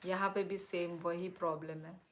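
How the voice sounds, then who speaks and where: A woman hosting a casual live stream, chatting with viewers and answering comments in a relaxed, easygoing way, mixing in English words. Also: fairly low pitch, normal speed, noisy background. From Northeast India.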